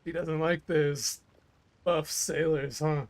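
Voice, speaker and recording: A woman's voice: low voice, steady tone, takes it slowly, a little mellow. A woman giving casual, playful live reaction commentary as a game streamer, joking along. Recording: game music behind the voice.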